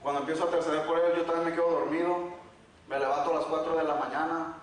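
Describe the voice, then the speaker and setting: A man's voice: on the high side, level tone, quick pace. A man preaching in a church, telling a testimony in an earnest, repetitive storytelling way. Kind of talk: sermon testimony. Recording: very echoey, from far off.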